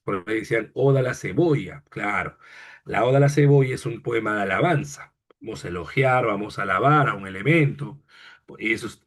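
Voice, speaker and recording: A man with a Peruvian Spanish accent teaching a literature class, joking with his students and slowing down to recite poems. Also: mid-range voice. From Peru. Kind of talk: online class lecture.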